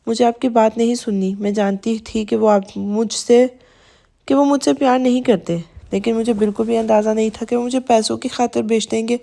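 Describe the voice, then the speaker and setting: A woman's voice: fairly high pitch, steady tone, creaky, mellow. A woman voicing a hurt young wife who speaks in a pleading, broken way with trailing phrases. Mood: heartbroken.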